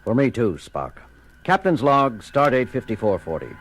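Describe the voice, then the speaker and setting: An actor playing an exasperated, authoritative starship captain in an audio drama, giving clipped orders. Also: male voice, medium pitch, big pitch swings, normal speed. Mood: grave, businesslike. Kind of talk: dramatic audio theater acting. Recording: music under the voice.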